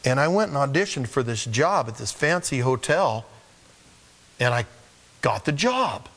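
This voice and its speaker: A man preaching a sermon, telling a personal story with lively, animated delivery and playing the voices of the people in it. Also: medium pitch, measured pace.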